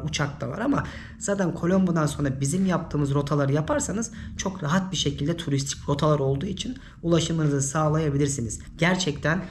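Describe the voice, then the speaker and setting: A man from Turkey whose voice is hoarse and giving out from illness, giving informal travel advice as a vlogger. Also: a little high. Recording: noisy ambient background.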